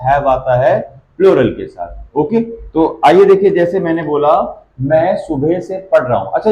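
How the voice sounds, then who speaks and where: A man's voice: on the high side, a little mellow. A man teaching a grammar lesson to students, repeating and drilling example sentences step by step. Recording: echoey dull-sounding room.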